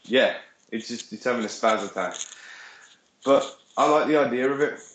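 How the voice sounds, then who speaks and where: A man's voice: medium pitch, moderate pace. A man with a Birmingham accent, co-hosting a podcast in rambling, sweary casual chat. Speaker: podcast co-host. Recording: echoey room with faint noise.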